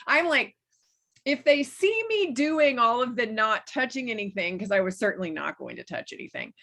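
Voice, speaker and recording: Lively storytelling woman from West Texas. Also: a little high, normal speed, creaky. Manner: lively, animated storyteller who laughs while telling. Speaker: author guest. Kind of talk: anecdotal storytelling in an interview.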